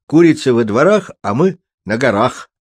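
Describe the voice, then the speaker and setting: A man's voice: mid-range voice, moderate pace, mellow, dry recording, lightly acted. A proud, stubborn young wanderer with a cheeky streak, as a man narrating the story puts him on. His voice sits a touch above the reader's own. The reading has a close, dry sound.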